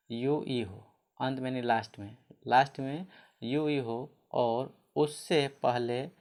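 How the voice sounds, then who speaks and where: Here a man with a mid-range voice runs through the rules of English spelling and pronunciation. He quizzes himself aloud, answering his own questions while spelling out each word letter by letter.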